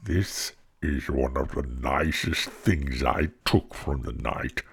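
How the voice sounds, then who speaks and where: A man voicing a huge, greedy storybook giant who commands in a booming, drawn-out roar. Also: gravelly, slightly rough, heavily acted. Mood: gruff command.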